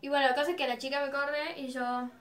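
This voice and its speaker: A woman telling a giddy, animated story to her camera. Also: sits high, quick pace. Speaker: vlogger. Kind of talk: storytime about a dream.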